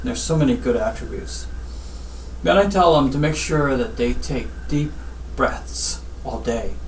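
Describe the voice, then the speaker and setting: A man from Guyana who works as a spinal surgeon, answering interview questions in a measured, instructive way. He often returns to what he tells his patients. The recording sounds roomy and slightly distant, with faint ambience behind him. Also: mid-range voice, slight background noise. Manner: measured, advice-giving, repeats "I tell them".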